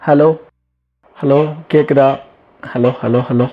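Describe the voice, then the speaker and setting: Speaking slowly in a steady, mid-range voice, a video host gives casual commentary while unboxing a product, peppering his talk with English words. Faint music plays behind the dull, lo-fi audio.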